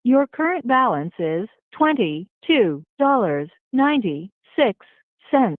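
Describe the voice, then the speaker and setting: A woman's recorded operator voice comes through a prison payphone call. The line is thin and phone-like, with no room sound at all. She speaks in a formal, measured way, and her pitch moves up and down freely. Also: very animated, dry recording. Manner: measured, formal prompt delivery. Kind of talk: recorded automated announcement. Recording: tinny phone line from a played video.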